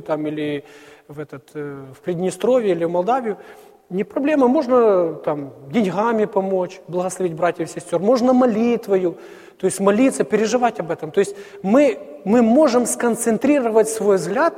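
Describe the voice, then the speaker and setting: High-voiced man preaching in a hall. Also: dark tone. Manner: earnest, halting with fillers. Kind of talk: sermon. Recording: hall reverb.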